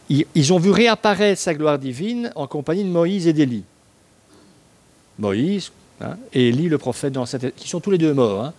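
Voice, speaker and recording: A man's voice: fairly high pitch, darkish tone. A man preaching a sermon on a Bible passage, talking in a conversational way with asides and rhetorical questions to his listeners.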